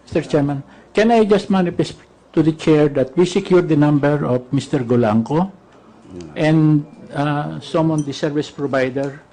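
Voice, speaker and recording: A man formally addresses the chair at a hearing to put a procedural request on record. His voice sits a little high yet sounds dark and mellow. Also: measured pace, low-quality recording. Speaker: lawmaker at a hearing.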